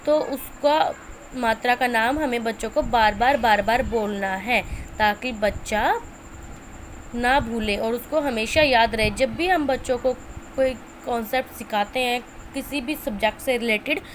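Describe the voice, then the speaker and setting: A woman teaching young children's letter sounds, stretching and repeating each sound slowly. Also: a little high, slight background noise. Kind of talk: Hindi lesson for teachers and parents.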